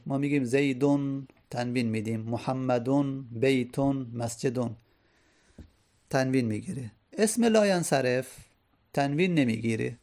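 A man's voice: medium pitch, darkish tone. A man teaching Arabic grammar, patiently repeating each point and example.

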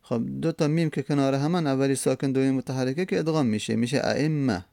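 A man with a gravelly, rough-edged voice explains grammar rules in a lesson. He talks slowly and repeats examples sound by sound, often pausing with drawn-out fillers. The recording is close and dry, with no room echo. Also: mid-range voice, dark tone. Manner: slow, repeating each example syllable by syllable; hesitant, many drawn-out fillers. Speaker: teacher. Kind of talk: explaining an Arabic grammar text.

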